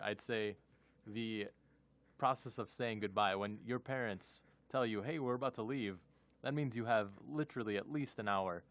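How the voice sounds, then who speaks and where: A man with a slightly low voice co-hosting a casual radio chat. He asks curious questions and slips jokes into the conversation. His delivery is relaxed and conversational. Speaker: co-host asking questions.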